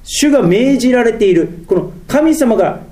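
A middle-aged man with a Tohoku accent preaching a sermon as pastor. He moves between drawn-out, lofty passages and quick, mumbled asides. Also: extremely high pitch, lively intonation, dark tone. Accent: Tohoku Japanese.

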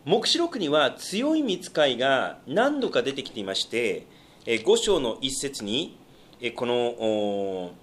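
A man's voice: mid-range voice, sing-song, unhurried, a bit bright. A pastor teaching a Bible study, explaining step by step with hesitant fillers and questions put to his listeners.

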